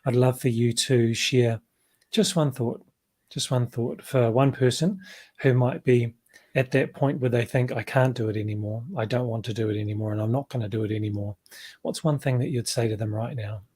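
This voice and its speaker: A man hosting an interview show, speaking in a measured, thankful way as he wraps up. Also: mid-range voice, fairly even intonation, a little mellow, husky.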